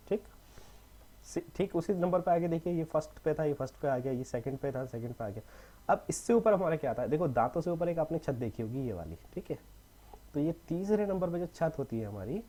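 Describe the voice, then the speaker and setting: A man's voice: medium pitch, mellow, breathy edge. A young man teaching a casual lesson, often checking in with "okay" and slipping in English words. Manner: repetitive, mixes in English words, frequent "theek hai".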